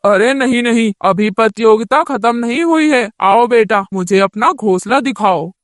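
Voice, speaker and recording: A woman's voice: a little high, moderate pace, dry recording, clean studio sound, lightly acted. Woman voicing a kindly bird king. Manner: encouraging, announcing.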